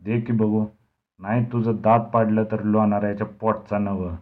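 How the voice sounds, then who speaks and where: A man voicing a cool, unflappable village boy who answers flatly and defiantly. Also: on the low side, moderate pace, phone-quality sound, lightly acted. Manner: flat, coolly defiant.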